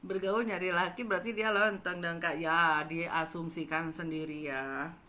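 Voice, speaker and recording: A woman telling a gossipy story to her viewers, animated and dramatic, acting out the quotes. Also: lowish voice, unhurried. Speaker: channel host telling a story.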